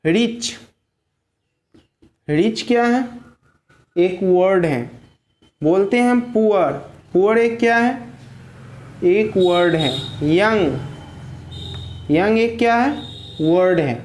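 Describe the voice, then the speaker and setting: A man's voice: high-pitched, takes it slowly, long pauses, a little mellow. Man drilling a grammar lesson. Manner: drills points by asking and answering his own questions; addresses viewers as friends, repeats key words. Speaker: English teacher.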